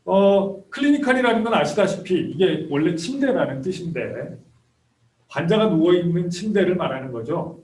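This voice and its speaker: A fifties-aged South Korean man teaching at a medical school gives graduate students a conversational, explanatory introductory lecture. His voice is on the high side with a darkish tone, captured from a distance in an echoey room.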